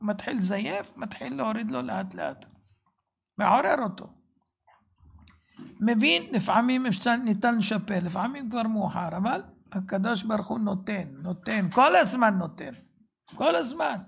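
Fervent religious teacher, male, gravelly voice, keeps asking the listener questions and suddenly raises his voice. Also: high voice, animated. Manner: fervent, rhetorical questions, sudden shouted bursts. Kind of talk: Torah sermon.

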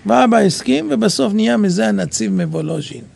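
A man giving an animated sermon, telling stories and acting out dialogue, sometimes rising to shouts. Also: sits high, creaky, breathy edge. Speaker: rabbi preacher.

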